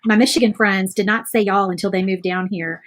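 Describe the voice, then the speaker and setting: A woman in her thirties from Virginia, lightly Southern-accented, paints a craft piece while casually responding to live comments, friendly and thinking out loud. Her mid-range voice is fairly even and quick; a close phone or camera captures it with background noise.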